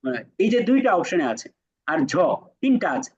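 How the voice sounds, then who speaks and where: A man's voice: high voice, sing-song, fairly quick, darkish tone, muffled recording. A man teaching a Quran lesson, patiently explaining letters and asking his students questions as he repeats sounds for comparison. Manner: asks students rhetorical questions. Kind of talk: classroom lesson.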